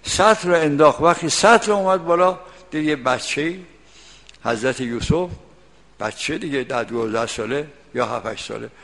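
A man's voice: fairly high pitch, creaky, a bit bright, long reverb tail. An older man giving a religious commentary, reciting verses and explaining each one in plain everyday speech. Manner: recites Arabic verses, then explains them in colloquial Persian. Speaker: Quran commentator.

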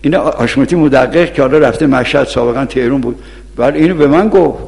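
Gravelly man giving an ethics sermon. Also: medium pitch, darkish tone. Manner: admonishing, storytelling, quotes sayings of scholars. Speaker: cleric teaching seminary students. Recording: long hall reverb.

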